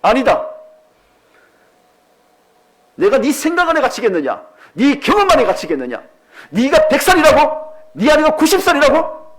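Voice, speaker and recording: A man's voice: wildly swooping pitch, brisk, a little hiss or hum. A man preaching and voicing God as a commanding divine father who fires off rebuking questions. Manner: booming, rebuking rhetorical questions.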